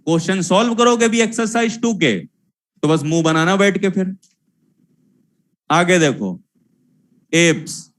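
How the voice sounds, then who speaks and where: A man's voice: high voice, expressive, unhurried, long pauses, a bit bright. A young man teaching a zoology class, lecturing and scolding his students again and again in a repetitive way.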